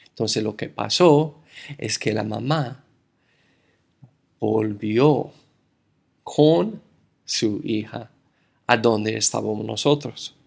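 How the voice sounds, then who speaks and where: Preacher guy from the us, slow sermon, gravelly voice, talks to the church like brothers. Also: mid-range voice. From United States. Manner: addresses the congregation as brothers and tells a childhood story.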